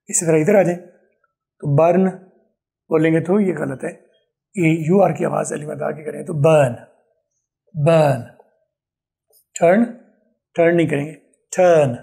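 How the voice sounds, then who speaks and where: Gravelly, mellow-voiced male English teacher. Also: a little high. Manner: drills words by repeating them several times; addresses viewers directly and patiently. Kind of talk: online pronunciation lesson.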